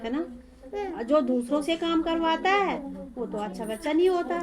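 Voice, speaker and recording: A woman with a high voice coaches a young pupil one-on-one, coaxing him along and asking the same simple questions again and again. Behind her, a room full of children chatters and clamors. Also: animated, normal speed, crowd noise. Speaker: home tuition teacher. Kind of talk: one-on-one tutoring of a small child.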